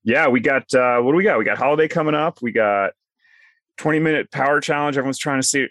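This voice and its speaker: Fast-talking man hosting from inside a closet. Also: on the low side, fairly bright tone, dry recording. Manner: informal, chatty. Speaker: podcast host, company co-founder. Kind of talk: casual conversational podcast hosting. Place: inside a small home closet used as a soundproof booth, sitting on the floor.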